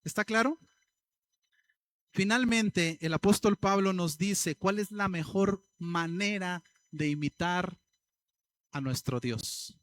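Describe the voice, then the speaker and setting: High-voiced preaching pastor. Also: male voice, takes it slowly, a bit bright. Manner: preaching with rhetorical questions, addressing the congregation. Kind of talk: sermon.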